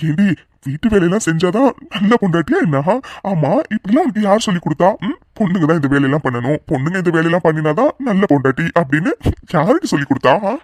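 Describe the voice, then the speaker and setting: Brief: a man playing a chatty, teasing young cartoon husband, quick delivery, dry close recording. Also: on the high side, animated, darkish tone, no room sound.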